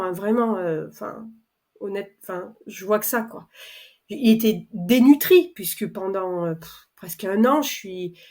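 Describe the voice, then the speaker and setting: Middle-aged French woman, slightly high voice, casual animated testimony full of fillers. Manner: chatty, animated, acts out dialogue with many fillers. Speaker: customer testimonial speaker. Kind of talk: personal testimony, casual storytelling.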